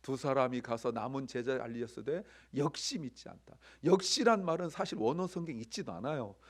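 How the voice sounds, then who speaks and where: A Korean-American man preaching a sermon as pastor, swinging between loud, excited bursts and hushed near-whispers while asking his congregation questions. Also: medium pitch, a little fast. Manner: conversational, asks the congregation questions.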